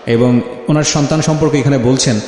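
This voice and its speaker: Heavy, long reverb surrounds a male interviewer hosting a life-story show, who talks fairly quickly with fairly even intonation in a medium-pitched, darkish voice. He is emphatic, repeating phrases for stress while addressing listeners and questioning.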